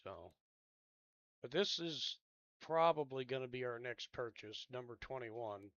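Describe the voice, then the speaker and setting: A man giving casual gameplay commentary, rambling and thinking out loud in a laid-back, drowsy way. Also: medium pitch, measured pace, dry recording, lo-fi sound.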